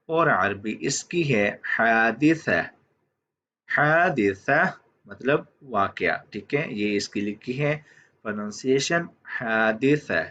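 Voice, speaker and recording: A man teaching vocabulary, who says each word and then says it again slowly, often checking in with "theek hai". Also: medium pitch, bright, forceful tone, a little hiss or hum. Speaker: language teacher. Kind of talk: slow vocabulary lesson. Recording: dull lo-fi audio.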